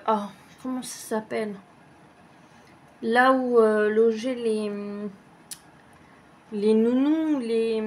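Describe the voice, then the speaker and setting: A woman vlogger chatting casually as she answers tag questions, rambling and hesitant with lots of fillers and the odd swear word. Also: on the high side. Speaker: craft vlogger.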